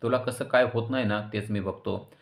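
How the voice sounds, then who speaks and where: A swaggering, corrupt police officer taunts his prisoners in a fairly low voice, as a man reads his lines in a serial recap. He boasts and threatens in a plain recap voice-over. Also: fairly even intonation, moderate pace, creaky. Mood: taunting. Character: arrogant, gloating corrupt male police officer. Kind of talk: recap voice-over reading dialogue.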